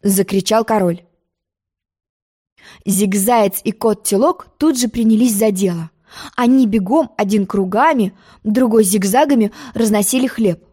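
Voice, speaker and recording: Mellow woman reading a storybook. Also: mid-range voice, unhurried, husky. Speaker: audiobook narrator. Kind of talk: storybook narration.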